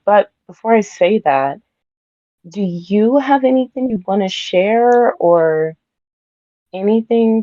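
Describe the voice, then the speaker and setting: A woman's voice: on the low side, dark tone, no room sound, dull audio. A woman voice actress being interviewed, chatting casually, sounding nervous and giggly with lots of fillers. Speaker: voice actress guest.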